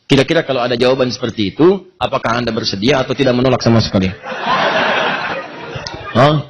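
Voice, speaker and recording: A male preacher telling a story in a sermon, animated and asking his audience questions. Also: mid-range voice, fast, breathy edge.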